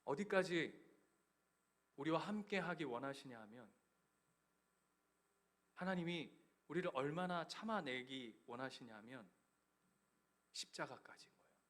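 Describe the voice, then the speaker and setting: A male pastor giving a Christmas sermon in a church, telling stories with sudden loud bursts and hushed, nearly whispered passages. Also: on the high side, lively intonation, a little slow, pauses often. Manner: storytelling preacher swinging from loud emphatic bursts to hushed near-whispers. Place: church sanctuary.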